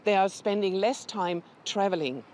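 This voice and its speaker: A woman answers interview questions in an informative, step-by-step way as a charity representative. Her pitch is average for a woman, with faint noise behind her. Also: normal speed, a little mellow. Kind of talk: news interview.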